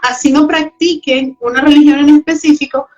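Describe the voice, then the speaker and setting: High-voiced Venezuelan woman, lo-fi. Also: fairly even intonation, moderate pace, faint music behind. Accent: Venezuelan Spanish. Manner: reflective, often adds tag questions. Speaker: guest. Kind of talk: casual interview chat.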